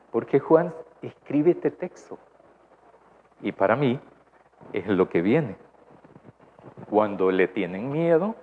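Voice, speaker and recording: A man with a Salvadoran accent preaching a conversational sermon, often asking his congregation questions. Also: medium pitch. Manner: asks the congregation questions, tag "¿verdad?". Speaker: pastor. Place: church. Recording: dull lo-fi church recording, faint noise.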